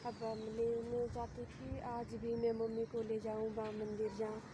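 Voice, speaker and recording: Young Himachali woman vlogger, soft and low in volume, even delivery, phone recording outdoors with steady noise behind. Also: normal speed. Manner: soft-spoken, quiet voice. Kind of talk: casual vlog chat. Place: outdoors at home, village. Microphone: phone camera, no mic.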